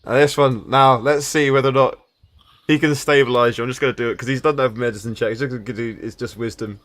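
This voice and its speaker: A man's voice: medium pitch, fairly even intonation, fast talker, a bit bright, dry recording. A man narrating a tabletop game as game master, stammering through restarts and chuckling at the table.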